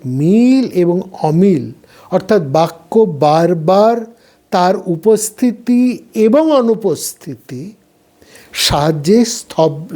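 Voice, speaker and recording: A man giving a slow explanatory philosophy lecture, repeating words and phrases as he explains. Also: sits high, warm tone. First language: Bengali. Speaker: philosophy teacher.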